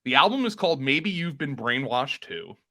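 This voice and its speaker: A man's voice: medium pitch, very animated, moderate pace, pushed and bright. A man co-hosting a podcast, chatting enthusiastically and rambling a little, with fillers and restarts. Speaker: podcast co-host. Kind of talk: casual chat.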